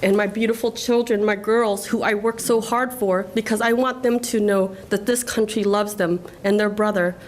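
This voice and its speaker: A woman's voice: medium pitch, fairly even intonation, normal speed, few pauses, rough recording. A woman from Laos in her forties giving an earnest, emotional award acceptance speech at a podium. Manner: earnest, emotional, tearful at times. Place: government ceremony room.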